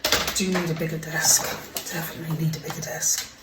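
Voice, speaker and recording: A woman's voice: low-pitched, steady tone, brisk, heavy background noise. A woman talking through a casual crafting tutorial at her home desk, chatty and apologetic, sometimes dropping to a half-whisper. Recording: roomy, mic set far off, kitchen clatter behind.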